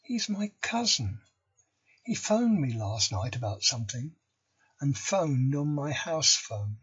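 A man voicing a bold schoolboy who stays calm when cornered, reading slowly from a storybook. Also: medium pitch, husky, dull audio, exaggerated voice. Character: schoolboy, bold and cool under pressure.

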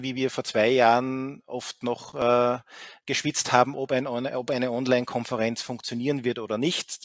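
This keynote lecture comes from a middle-aged man on a video call, using a headset in an indoor office, and his talk has plenty of fillers and false starts. His mid-range voice has a fairly bright tone with no room sound.

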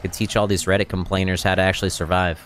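A man in his thirties with a lowish voice talks through a video game as a streamer. He gives casual tips and running commentary on a close mic, with noticeable noise and ambience behind him. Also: level tone, quick pace, a bit bright. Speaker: game streamer and tutorial host. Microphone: close microphone on a boom arm.

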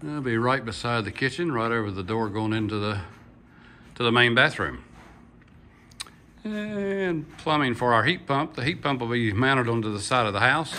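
With a medium-pitched voice that comes out pushed and bright, an older vlogger tours his house build, filming on his own phone. He gives a chatty, folksy narration through the bare wooden frame and out on the steps, leaning on "uh" fillers and the occasional "yeehaw."

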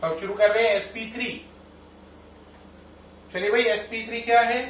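A high-pitched middle-aged man teaching a chemistry class. He addresses his students as children and keeps checking with them through questions. The sound is roomy and picked up from a few steps away. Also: fairly even intonation, moderate pace, a bit bright, a little hiss or hum. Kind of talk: classroom lecture. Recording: echoey room, mic at a distance.

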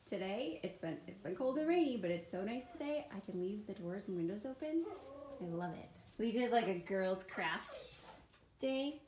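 A woman's voice: medium pitch, animated, normal speed, darkish tone, slight background noise. A young woman chatting casually in a home vlog, filming herself at arm's length and talking to her pets. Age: young adult. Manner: chatty, upbeat, talks to her animals. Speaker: vlogger and pet sitter. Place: home, indoors. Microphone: handheld camera at arm's length.

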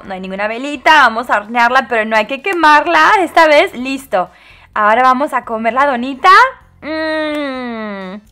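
Bright, high-voiced woman gaming. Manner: animated, dramatic exclamations and giggles. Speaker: host. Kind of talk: casual gameplay commentary.

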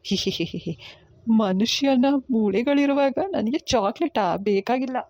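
A woman's voice: mid-range voice, moderate pace, a little mellow, no echo, highs cut off, close to an everyday voice. Cartoon ghost king, woman acting it out: cackling, menacing, gloating, dry close read. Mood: gloating menace. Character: gloating male ghost king hungry for human flesh.

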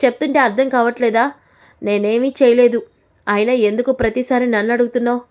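A woman's voice: on the high side, fairly even intonation, a little mellow, lightly acted. A woman voicing a spoiled young woman who snaps back defensively in a storytelling recap. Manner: defensive, quick retorts.

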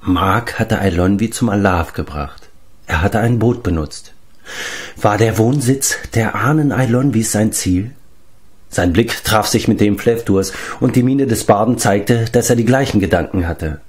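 A man narrating an audiobook in a calm, measured way. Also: fairly low pitch. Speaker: audiobook reader.

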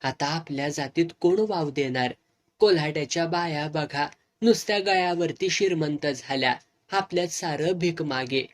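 A gentle, resigned older village uncle, played by the narrator in a spoken storybook. He talks in a lowered, soft voice. He sounds like the storyteller talking a little more quietly, not a distinct character voice. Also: normal speed, lightly acted. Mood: wistful.

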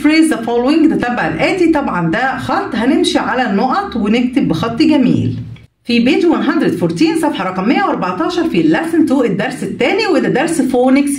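A woman teacher with an Egyptian Arabic accent walks young children through a workbook. She says each word slowly, repeats it and gives its meaning, with a lively, rising and falling pitch. She sits back from the mic in a roomy space. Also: far from the mic. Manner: repeats words slowly, then translates each. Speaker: English teacher.

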